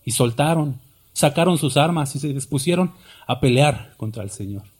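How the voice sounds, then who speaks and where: A man's voice: mid-range voice, lively intonation, normal speed, slightly rough. A male pastor preaching an impassioned, dramatic sermon full of rhetorical questions.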